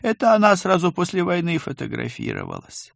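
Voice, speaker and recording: A man voicing an old male house ghost who speaks in a rustling whisper, slow and instructive, in a storybook reading. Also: sits high, huge pitch swings, gravelly, no room sound, studio quality, pitched above the performer's own voice, exaggerated voice. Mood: wistful.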